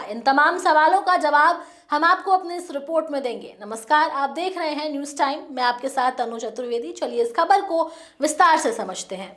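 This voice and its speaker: A woman presenting a news report, explaining new rules in a formal, measured way. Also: high-pitched, fairly bright tone.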